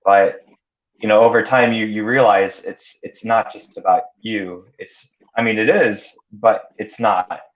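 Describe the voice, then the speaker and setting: Speaking a little slowly in a lowish, fairly even voice, this thirty-something interview guest talks casually about his life and his work as an entrepreneur. He was born in Canada, raised in the United States, and grew up speaking Hungarian natively, and his speech is full of fillers and repeated words. The recording sounds flat and lo-fi.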